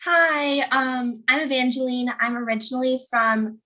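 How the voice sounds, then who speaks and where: A young woman from Mississauga introduces herself on a video call. Her voice is high and bright. She talks in an offhand, wry way. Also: unhurried. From Mississauga, Canada. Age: young adult. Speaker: university student panelist. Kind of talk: casual panel talk on a video call.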